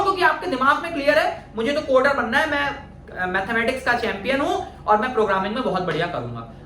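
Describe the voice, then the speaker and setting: A woman's voice: on the high side, a bit bright, a little hiss or hum. A woman giving career advice as a teacher, explaining patiently and often checking in with rhetorical questions. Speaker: career counselling educator. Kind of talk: explanatory talk to camera. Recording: echoey room with faint ambience.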